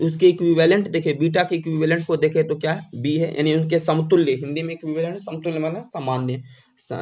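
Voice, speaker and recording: A man teaching a lesson who slowly asks questions and then answers them himself. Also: fairly high pitch, a little mellow. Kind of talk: classroom lecture. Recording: dull lo-fi sound.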